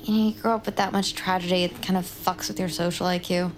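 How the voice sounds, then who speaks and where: A low-quality recording captures an actress whose low-leaning voice barely moves in pitch and runs fast, sounding close to everyday speech. She plays a young woman in an audio drama, a blunt, glib, intense, and awkward true-crime survivor, with naturalistic, insistent delivery.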